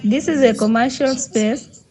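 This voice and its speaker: A female student gives a careful, deliberate answer in a fairly high voice at an unhurried pace. Her voice reaches us through a video call captured in a screen recording, and it sounds distant. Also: dark tone. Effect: student's voice coming over a video call in a screen recording. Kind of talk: answering in an online class.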